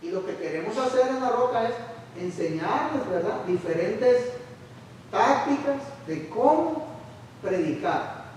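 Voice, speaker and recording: A man's voice: sits high, lively intonation, a little slow, a little mellow, slight background noise. A man preaching a conversational sermon in a church, restarting his phrases often. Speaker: pastor. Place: church sanctuary. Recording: echoey church hall from far off.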